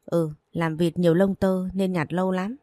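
A woman reading the lines of a young father who gently scolds and teases, in a plain audiobook reading voice. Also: fairly low pitch, little pitch movement, normal speed, dry recording, clean studio sound, close to an everyday voice. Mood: teasing, scolding. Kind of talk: audiobook narration.

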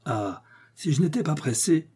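A man's voice: mid-range voice, expressive, moderate pace, dark tone, breathy edge. A man reading an audiobook, voicing a hot-headed young male swordsman who speaks with impatience and indignation. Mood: indignant.

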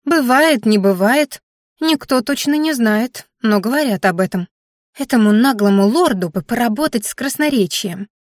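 A high, fretful little furry creature, put on by a woman reading a storybook, a fussy governess who scolds and dotes in one breath with sugary pet names. Her lines come brighter and louder than the reader's own voice, in a close, dry recording. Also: lively intonation, normal speed, no room sound, close to an everyday voice. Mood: suspicious.

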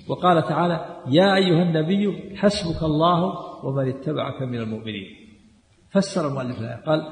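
A man giving a religious lesson on a book, emphatic and repetitive, dropping into quiet asides. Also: fairly high pitch. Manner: emphatic, repeats key points, drops to quiet asides. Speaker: Islamic scholar teaching a text. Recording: echoey hall recording.

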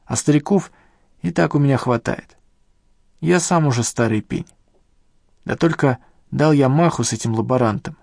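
In an audiobook character reading, a man plays a rueful elderly male professor who grumbles and complains defensively, at a higher pitch than his own. He speaks at a normal speed, creaky and darkish, pausing often, in a dry recording with clean studio sound.

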